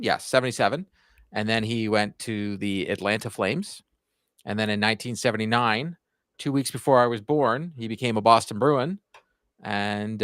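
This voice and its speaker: A forty-something Canadian who runs a hockey channel speaks in a low-leaning, somewhat bright voice during a relaxed podcast chat. His talk meanders with plenty of fillers and restarts, captured cleanly in the studio without echo.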